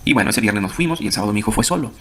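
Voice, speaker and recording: A middle-aged man giving a quick personal testimony, acting out what others said to him. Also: fairly low pitch, lively intonation, fairly bright tone, a little hiss or hum. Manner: rapid storytelling, acts out others' words in a raised voice. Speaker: former congregation member giving testimony.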